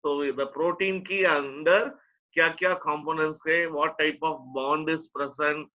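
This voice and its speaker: A man's voice: on the high side, pushed and bright, lo-fi sound. A man with an Indian accent teaching a lesson step by step, often repeating phrases for emphasis. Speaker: teacher, lecturer. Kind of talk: online lecture to a nursing student.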